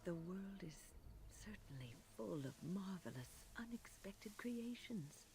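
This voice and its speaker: A woman's voice: mid-range voice, expressive, measured pace, dark tone, slight background noise, poor audio. A woman playing a wonderstruck adventurer companion in a fantasy game. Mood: marveling.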